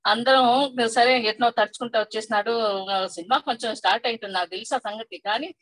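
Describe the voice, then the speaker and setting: Older woman, conversational storyteller, higher voice, dry close recording. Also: fairly quick, dry recording, rough recording. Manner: conversational, quotes family members in lively asides. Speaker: workshop participant sharing experience. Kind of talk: personal storytelling.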